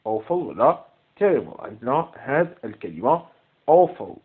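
Slow, husky Algerian teacher explaining English. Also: male voice, mid-range voice, sing-song. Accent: Algerian Arabic. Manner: slow, repeats English words and explains each in Arabic. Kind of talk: exam correction lesson. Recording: tinny phone-like sound.

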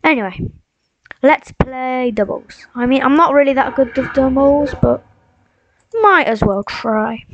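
A woman's voice: high voice, unhurried, a little hiss or hum. A young woman streaming a game, rambling and mock-heroic as she talks to herself and her viewers. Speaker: gaming streamer. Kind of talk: casual live-stream commentary. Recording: dull lo-fi sound.

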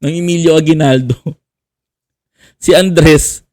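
A man's voice: a little high, steady tone, slow, a little mellow, no room sound, studio quality. A man hosting a vlog, giving casual teasing commentary, laughing often and repeating himself. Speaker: vlogger host.

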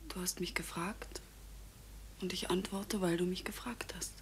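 An actress voicing a grown daughter in a TV crime drama, her voice soft and slightly low as she tries to avoid her father's questions. The scene carries a faint room noise. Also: steady tone, normal speed, lightly acted. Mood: reluctant. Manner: soft, evasive replies. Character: grown daughter, quiet and reluctant.

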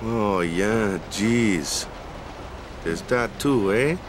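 An actor with a lowish, animated voice plays a laid-back, defensive but good-hearted young male athlete in a video game cutscene, speaking extremely slowly. He sounds resigned and thoughtful, talking colloquially and tagging sentences with "eh," "ya," or "huh." The background is noisy, with music behind his voice.

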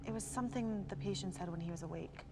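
A woman acts an uneasy, earnest young paramedic in a film. She is hesitant and low-key, with a medium-pitched voice over clearly noisy ambience. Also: quick pace, lightly acted. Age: young adult. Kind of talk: fan film acting.

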